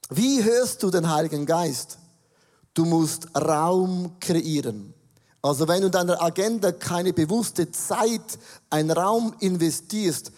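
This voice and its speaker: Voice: medium pitch, a little mellow, big-room sound. A pastor preaching a sermon on a church stage, earnestly acting out prayers and dialogue.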